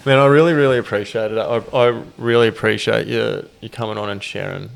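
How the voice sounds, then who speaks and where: A man with a creaky voice, hosting a podcast as a laid-back, sweary, blokey casual chat. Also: on the low side, steady tone, fairly quick. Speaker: podcast host.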